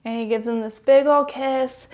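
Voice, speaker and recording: A young woman co-hosting a podcast, telling a personal story haltingly with many fillers, sometimes dropping to a whisper. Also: high-pitched, steady tone, phone-quality sound. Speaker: podcast co-host.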